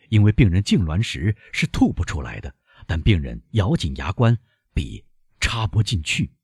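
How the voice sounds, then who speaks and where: A male narrator reading a classic novel aloud with dramatic expression. His voice is low and strongly husky, swinging widely in pitch, and it comes through a dry, close recording. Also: a little mellow, no echo. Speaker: audiobook narrator.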